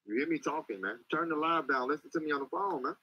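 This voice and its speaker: A man's voice: fairly high pitch, lively intonation, fast, breathy edge, highs cut off. A man hosting a live stream who takes callers and talks to them in an impatient, blunt way, often swearing. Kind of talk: live-stream call-in talk.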